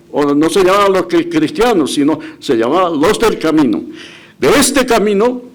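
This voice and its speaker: Emphatic preaching pastor, man. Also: high voice. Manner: retells scripture with emphatic rises, quotes voices dramatically; restarts and self-corrections. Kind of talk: sermon.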